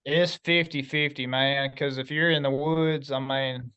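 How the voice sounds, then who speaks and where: A man's voice: medium pitch, fairly even intonation, measured pace, pushed and bright, smooth, dull audio. A man with a Southern US accent casually explaining things as a guest with practical tips. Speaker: guest giving self-filming tips.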